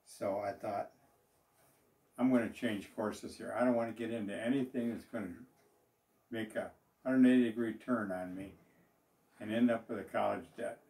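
Heard from a distance with a roomy echo, an older man speaks to the camera about his business in a small office. He talks at a normal speed in a plain, rambling way, pausing often and using fillers and restarts. His voice is warm and fairly low with a steady tone.

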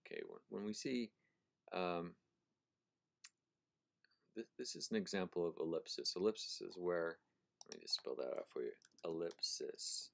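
A very low-voiced male professor walks through a passage of prose in a methodical lecture. He stops to repeat phrases slowly, savoring their sounds, and corrects himself as he thinks aloud. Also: expressive, creaky. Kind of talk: recorded lecture on prose style.

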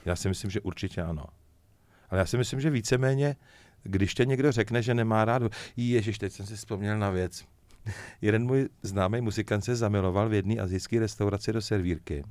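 A man's voice: on the low side, dry recording. A middle-aged man, a musician guest, chatting casually in an interview and telling jokey stories. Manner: lively joking storyteller, chuckles often.

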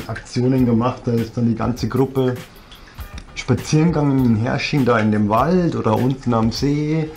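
With a medium-pitched, slightly mellow voice, a Bavarian-accented vlogger in his forties from southern Germany rambles bluntly and reflectively through a personal story, packed with fillers. He sits on a leather sofa in his living room, filmed at close range by a fixed camera.

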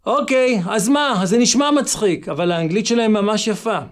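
A man with an Israeli accent teaching in an emphatic, exhorting motivational style, repeating phrases for stress. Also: high voice. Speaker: English teacher and channel host. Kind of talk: motivational lesson to camera.

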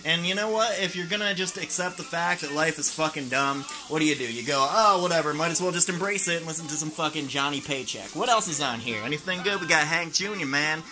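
A man in his twenties hosts a casual comedic home cooking vlog from a small indoor kitchen, talking in a slangy, profane, self-mocking way. His fairly high voice moves at a quick pace with hardly any pauses, while music plays and a pan sizzles behind him.

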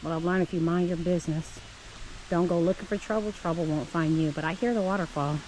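A woman's voice: fairly low pitch, steady tone, fairly quick, darkish tone, a little hiss or hum. Chatty woman vlogging outdoors. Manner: chatty, talks straight to her viewers. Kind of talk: casual vlog narration. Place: outdoor park trails by a spring. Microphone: handheld camera at arm's length.

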